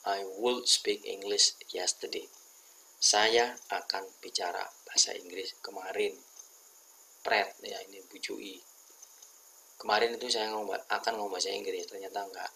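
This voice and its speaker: Gravelly low-voiced man teaching grammar. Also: steady tone, sharp tone, a little hiss or hum, poor audio. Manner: explains each example slowly, reads English sentences aloud deliberately, then translates. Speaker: English teacher. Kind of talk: casual spoken grammar lesson.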